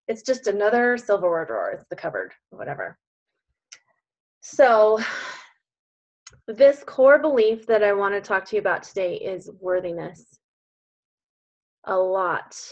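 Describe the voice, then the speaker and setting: A woman's voice: mid-range voice, dull audio. A woman coach leading an online group class over a video call, speaking in an earnest, emphatic and encouraging way.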